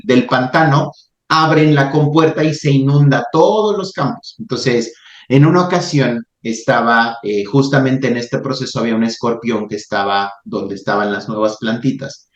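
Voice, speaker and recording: A man hosting a talk, speaking calmly and reflectively with frequent restarts. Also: medium pitch. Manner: calm, reflective, halting with restarts. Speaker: podcast host. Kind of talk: reflective spiritual talk and storytelling. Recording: roomy, slightly muffled recording.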